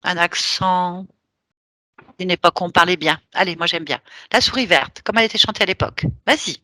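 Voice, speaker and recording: A woman's voice: on the low side, fairly quick, bright, forceful tone, dry recording, studio quality. A woman leading a hypnosis session, giving firm, teasing commands.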